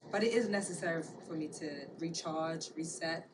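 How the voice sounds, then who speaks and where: A woman from Bermuda, talking casually and reflectively in an interview, pausing to search for words. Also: low voice. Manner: thoughtful, halting, searching for words. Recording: clear background ambient noise.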